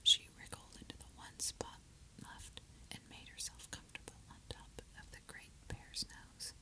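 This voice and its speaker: A woman reading a children's storybook aloud as an ASMR storyteller in a soft, unvoiced whisper, close to a binaural microphone. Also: moderate pace.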